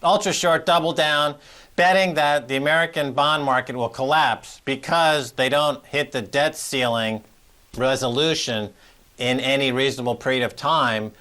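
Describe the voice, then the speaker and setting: A man's voice: medium pitch, normal speed, pushed and bright. A man hosting a show, giving heated, accusatory financial commentary with strong emphasis. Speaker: show host.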